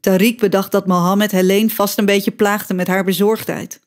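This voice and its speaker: A woman reading a children's story aloud as scripted narration, expressive and lively, voicing the characters' cries. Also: medium pitch, moderate pace. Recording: music bed behind voice.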